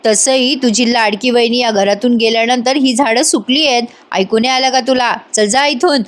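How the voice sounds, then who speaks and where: Woman playing a villainous sister-in-law in a soap retelling: menacing, sly, commanding, pitched high. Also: moderate pace, close to an everyday voice. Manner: taunting, menacing, bossy.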